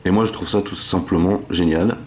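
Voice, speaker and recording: A man with a low voice reviews a toy in a relaxed, chatty way. He talks haltingly, often pausing on filler words between phrases. Faint background noise sits under his voice. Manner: hesitant, many filler words.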